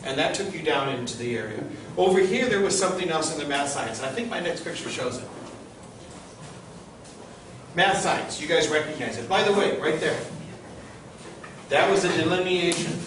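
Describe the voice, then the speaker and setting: A man's voice: fairly high pitch, expressive, normal speed, long pauses. Echoey, distant man guiding a tour. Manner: conversational, asks listeners questions. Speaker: campus tour guide. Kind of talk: informal guided-tour storytelling to a group. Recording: distant, very echoey, noisy group-tour recording.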